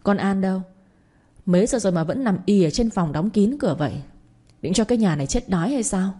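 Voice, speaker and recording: A woman voicing a bossy older mother-in-law who scolds in a shrill, accusing voice. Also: expressive, brisk, mellow, lightly acted. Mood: scolding. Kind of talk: audio story reading.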